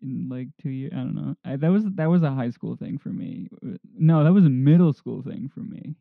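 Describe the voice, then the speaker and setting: Gravelly young man on a thin call line. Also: medium pitch, animated, a little fast, no room sound. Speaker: voice actor. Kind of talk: casual group chat. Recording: dry, phone-like call audio.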